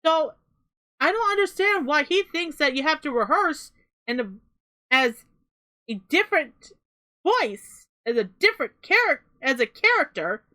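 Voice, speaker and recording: A young woman talks through a reaction commentary in a high, bright voice. She is emphatic and hammers her points home by repeating them, dropping the odd swear. She sounds like a creator addressing her viewers. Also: very animated, unhurried.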